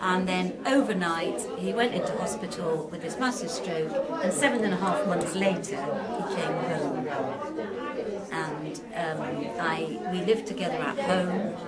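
A woman's voice: on the low side, a little slow, a loud crowd. An older woman in her sixties, speaking earnestly and candidly in an interview from her living room, recorded by a far camera. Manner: earnest and candid, coaxing her husband with rising questions. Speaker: carer of her husband. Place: living room of a home, seated on a sofa.

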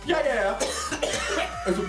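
A man's voice: sits high, lively intonation, measured pace. A young man performing as a drag queen, bantering through a comic challenge in a campy, dramatic, whiny way. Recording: roomy, music behind.

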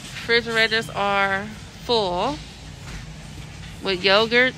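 Filming on a phone at arm's length, a Californian woman chats her way through a shopping vlog, beginning in a car and continuing inside a large warehouse store, naming items again as she sees them. Her mid-range voice holds a steady tone and she takes her time. It's a rough recording, thick with loud store background noise.

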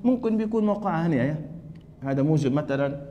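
A man's voice: fairly high pitch, animated, quick pace, long reverb tail, muffled recording. A man with a Libyan Arabic accent teaching a math lesson, asking students questions and repeating their answers. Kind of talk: classroom lesson.

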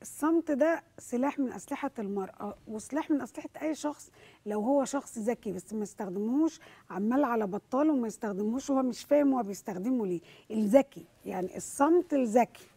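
A woman's voice: on the high side, animated, fast, gravelly, dark tone, slightly rough. A woman with an Egyptian accent, hosting a TV panel and putting questions to her guests. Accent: Egyptian Arabic. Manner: moderating, posing questions to the panel. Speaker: talk show host. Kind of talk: TV panel discussion.

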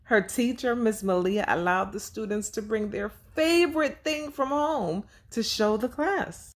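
A woman with a fairly high-pitched voice reads a storybook aloud to young children she's teaching. She speaks simply and deliberately, asking her listeners questions as she goes.

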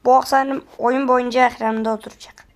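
A woman giving excitable let's-play commentary, often pleading and exclaiming while she plays. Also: fairly high pitch, a little fast, gravelly. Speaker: gamer.

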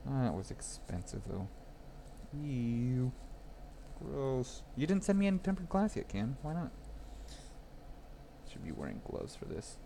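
A man's voice: medium pitch, big pitch swings, a little slow, gravelly, long pauses, dark tone, a little hiss or hum. A young man chatting casually with viewers on a live stream while repairing a phone at his workbench, rambling and laughing as he goes.

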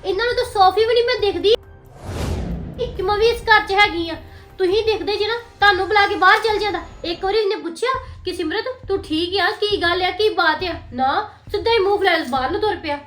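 A woman's voice: very high-pitched, a little fast, hardly any pauses. An actress playing a young wife upset with her drinking husband, speaking in an indignant, pleading way. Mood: aggrieved. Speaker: actor. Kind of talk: family drama acting. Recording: echoey room with music underneath.

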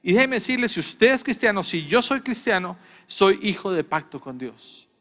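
A man preaches in church with a high, ringing voice. He drives his message home by repeating phrases with rising emphasis. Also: expressive, normal speed, fairly bright tone, in a large hall. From Colombia. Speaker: pastor. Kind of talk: sermon.

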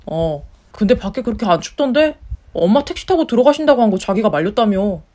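A woman's voice: mid-range voice, big pitch swings, fast talker, warm tone. A woman voicing a whiny, jobless young husband in a story-radio drama, grumbling and sulking. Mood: teasing. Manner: grumbling, sulky complaints.

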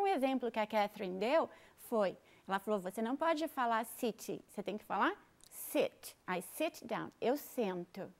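A woman with a Brazilian Portuguese accent giving a bilingual English pronunciation lesson, explaining step by step in an upbeat way. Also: high-pitched. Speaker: English teacher.

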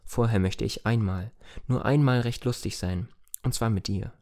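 A man voicing a tender, lively young village girl in a raised, eager pleading tone. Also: lowish voice, normal speed, natural voice. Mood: wistful.

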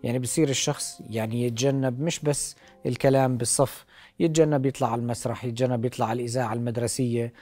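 A man's voice: medium pitch, fairly even intonation, fast, warm tone, soft background music. A middle-aged man with a Levantine Arabic accent, explaining as an expert doctor on a talk show. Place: TV studio. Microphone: lapel.

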